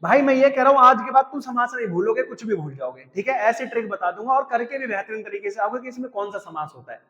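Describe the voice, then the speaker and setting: A man's voice: extremely high pitch, animated, fast talker, a bit bright. A young man teaching Hindi grammar for exams, pushy and coaxing, tagging his sentences with "है ना" and "भाई साहब". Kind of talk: energetic exam-prep lesson. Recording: dull lo-fi audio with long reverb.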